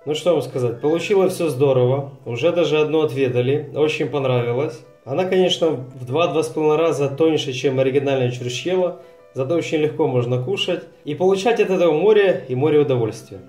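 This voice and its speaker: A man's voice: a little high, fast, a little mellow, faint music behind. A man with an Odesa accent hosts a cooking show in voice-over, talking to viewers in a folksy, chatty way. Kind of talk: recipe voice-over narration. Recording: roomy echo.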